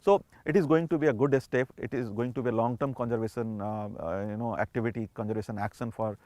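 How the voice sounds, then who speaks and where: A man with an Indian accent speaking haltingly as a conservationist in a documentary interview. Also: mid-range voice, steady tone, a little mellow, no echo. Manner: halting, hesitant delivery.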